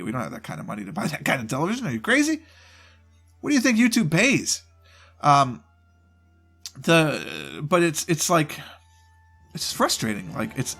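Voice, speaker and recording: A gaming channel host with a mid-range, fairly bright voice has a cold and sounds stuffed up. Speaking into his home desk mic, voice only, he rambles casually through a channel update in a loose, self-interrupting way.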